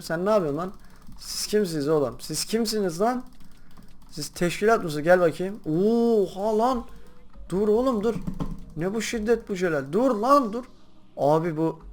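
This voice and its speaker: A young man with a slightly high voice talks to his viewers while he plays, rambling from one thing to the next. He bursts into loud excited shouts now and then. Faint game music plays behind him. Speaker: gaming YouTuber. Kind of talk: casual gameplay commentary.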